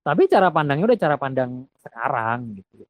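A man talking about songwriting in a casual conversation, reflective and halting, restarting his sentences. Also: mid-range voice, sing-song.

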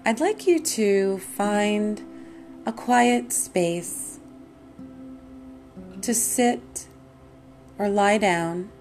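Slow, calm meditative woman over guitar music. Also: medium pitch. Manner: calm, meditative, soothing delivery. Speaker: meditation teacher and podcast host. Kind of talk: guided meditation. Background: plucked guitar music.

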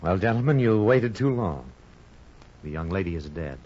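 An actor playing an earnest middle-aged doctor who speaks gently and soothingly, in 1940s radio acting on a muffled old transcription. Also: male voice, low voice, animated, normal speed.

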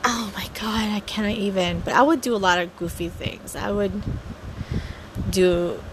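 Recorded at home against a noisy background, a woman in her thirties from Hawaii casually introduces her podcast as its host. Her medium-pitched voice runs at a normal speed, and she stammers and restarts often, giggling along the way.

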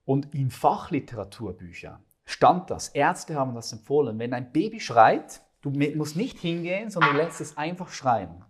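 A man's voice: a little high, big pitch swings, moderate pace, hardly any pauses, slight background noise. Earnest German-speaking man explaining at length. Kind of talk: casual conversation.

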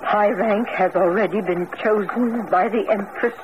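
Woman acting a slow-spoken genteel mother, noisy muffled radio. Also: medium pitch, natural voice. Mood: uneasy, hesitant. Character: anxious, genteel aristocratic mother of a grand duchess.

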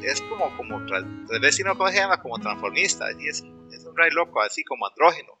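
A man with a Costa Rican accent in casual chat, often halting and restarting his sentences. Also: on the high side, big pitch swings, bright, forceful tone, faint music behind. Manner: fast, halting, many restarts.

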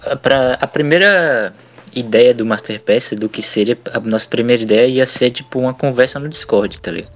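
A man hosts a podcast in a loose, conversational way. He talks through advice and memories in a relaxed, easy tone. Faint music sits behind the talk. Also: medium pitch, normal speed. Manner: relaxed, chatty, advice-giving. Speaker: podcast host. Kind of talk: casual podcast chat.

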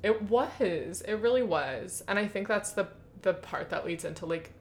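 A woman's voice: mid-range voice, animated, moderate pace, a little hiss or hum. A young woman co-hosting a podcast, chatting casually, with lots of "like" and laughter. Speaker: podcast co-host. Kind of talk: casual chat.

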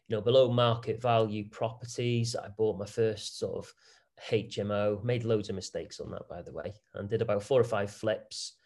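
A man who invests in property answers interview questions about his business in a chatty way, with lots of fillers and restarts. His voice is lowish and a little mellow.

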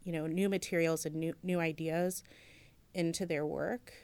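A woman with a low, smooth voice speaks as a museum curator. She talks thoughtfully, pausing often with fillers and restarting her sentences. The sound is dry and close. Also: steady tone, darkish tone, no echo. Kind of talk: interview conversation.

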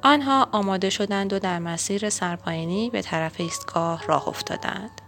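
A woman reading a children's picture book aloud in a gentle, expressive storytelling manner. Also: medium pitch, soft background music. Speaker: storybook reader.

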